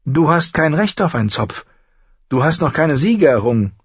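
Male reader doing a soft, pleading young princess, timid, somewhat raised pitch, husky, dull recording. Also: very animated, normal speed, no echo, heavily acted. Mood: hurt. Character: gentle young princess, timid but earnest.

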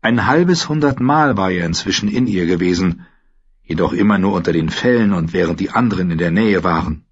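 A man reading an audiobook in a steady, measured narration, on a dull lo-fi recording. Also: sits low, breathy edge.

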